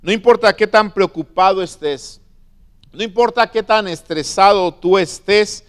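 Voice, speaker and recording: A man preaching a sermon as a pastor, stressing words slowly and asking his listeners questions. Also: high-pitched, a bit bright, clear, resonant tone. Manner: preaching with slow emphatic stresses and questions to the flock.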